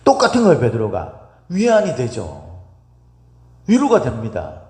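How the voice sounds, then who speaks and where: A male pastor delivers a sermon with a widely swinging, expressive pitch. He keeps turning to the congregation with rhetorical questions. His voice rings through a roomy hall with a long reverb tail. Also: unhurried. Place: church sanctuary.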